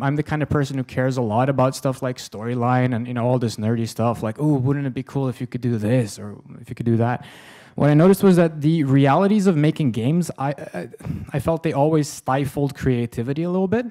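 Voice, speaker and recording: This conference speaker from Sweden, a man in his thirties, has a dark-toned, mid-range voice and talks a little fast with hardly any pauses, in a Swedish accent. His lecture to the hall audience is self-deprecating and jokey, peppered with ums, and recorded via podium microphone and a faraway camera.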